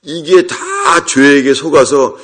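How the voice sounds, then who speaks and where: A man's voice: a little high, huge pitch swings, slow, a bit bright, breathy edge. A middle-aged man preaching a sermon as a pastor, emphatic, acting out quoted voices.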